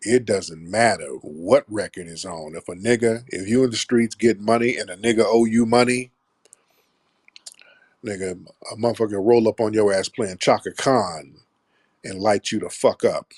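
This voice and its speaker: A low-pitched man with a slightly husky voice hosts a call-in stream. He speaks bluntly and profanely, like he's telling street stories to a friend. The sound is close and dry. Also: normal speed, darkish tone, dry recording. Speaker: show host taking callers. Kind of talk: casual live-stream talk.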